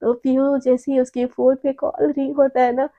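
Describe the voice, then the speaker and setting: A woman's voice: high-pitched, little pitch movement, normal speed, dark tone, dry recording, muffled recording. A woman narrating a serialized romance story in a casual, chatty way. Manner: conversational, chatty, uses filler words.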